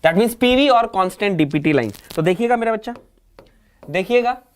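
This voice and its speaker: A man's voice: sits high, lively intonation, normal speed. A man teaching an exam coaching lecture. He asks the class a question, repeats it, answers it himself, and calls his students "child".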